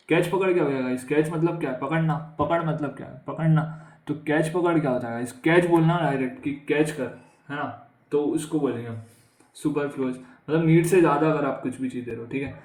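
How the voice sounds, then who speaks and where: The speaker is a man with an Indian accent whose voice sits on the high side and is a little mellow. He teaches English vocabulary for exams chattily, often questioning the class and saying "guys," in a roomy, rough recording.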